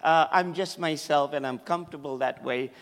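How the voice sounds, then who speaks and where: A man with a Malaysian English accent, originally from Malaysia, preaching as a guest in church, excitable and over the top with frequent laughter. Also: fairly high pitch, normal speed. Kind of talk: sermon. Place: church hall. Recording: echoey church hall with long reverb.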